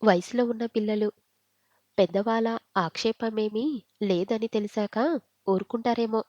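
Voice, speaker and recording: A woman reads a family story aloud at a mid pitch, voicing each family member's lines as she narrates. Her voice is close and dry, with no room around it. The sound is a little muffled and dull. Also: fairly even intonation, normal speed, dark tone, no echo.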